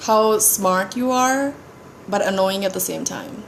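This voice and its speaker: On a couple's livestream, an Indian woman co-host keeps up a casual, teasing chat with her husband, laughing frequently. Her mid-range voice is gravelly and unhurried, and the audio carries a little hiss or hum.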